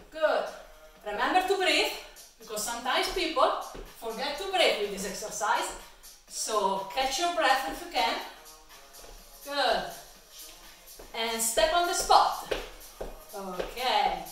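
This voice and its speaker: A woman's voice: high-pitched, bright, forceful tone. A woman instructor leading a guided exercise class, encouraging and counting repetitions aloud. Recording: echoey room, from far off, faint music.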